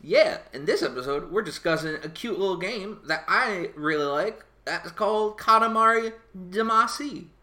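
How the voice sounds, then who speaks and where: American male podcast host, slightly high, bright tone, jokey self-deprecating banter. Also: animated, normal speed, hardly any pauses. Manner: joking, self-mocking banter. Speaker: podcast host, gaming historian. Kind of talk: casual podcast chat.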